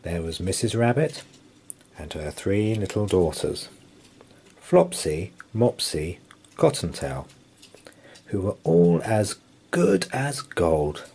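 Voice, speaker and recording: Animated man telling a fairy tale opening. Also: deep voice, creaky, slightly rough, poor audio. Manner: deliberate, expressive storybook telling. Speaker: storyteller reading a picture book aloud. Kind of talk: fairy tale opening, bedtime story read-aloud.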